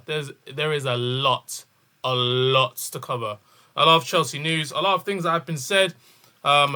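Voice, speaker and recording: A man's voice: on the high side, pushed and bright. A young man with a London accent and urban street slang, giving casual football commentary as a channel host, repeating phrases for emphasis.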